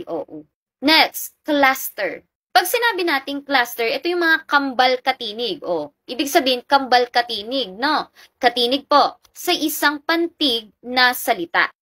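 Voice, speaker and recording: A woman's voice: sits high, very animated, measured pace, bright, forceful tone. A woman teaching an exam review lesson, patient and polite, repeating each key point and quizzing the listener. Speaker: reviewer teaching Filipino phonology.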